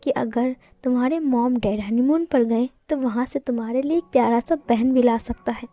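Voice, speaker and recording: A woman's voice: a little high, normal speed, dark tone, faint music behind, lightly acted. A woman doing a teasing older uncle. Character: amused meddling older uncle. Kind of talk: fan fiction storytelling.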